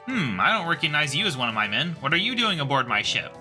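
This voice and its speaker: A man's voice: a little high, big pitch swings, quick pace, pushed and bright, faint music behind, full character voice. A man voicing a pompous, formal sea captain in a game playthrough. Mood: haughty. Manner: stately, formal.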